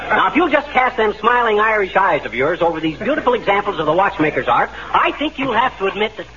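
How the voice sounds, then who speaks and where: Blustering folksy salesman, high animated voice, stammering slang, old radio comedy with audience noise. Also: fast, lo-fi sound, exaggerated voice. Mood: boastful, joking. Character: blustering, fast-talking, indignant small-time husband and salesman. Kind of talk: 1940s radio comedy acting. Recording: noisy old radio recording, studio audience.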